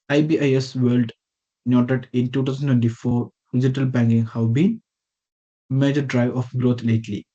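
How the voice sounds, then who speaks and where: Heard over a video call with dull, muffled audio, a man reads a prepared slide presentation from a script. His mid-range voice is dark and mellow, and he makes small slips that he corrects along the way.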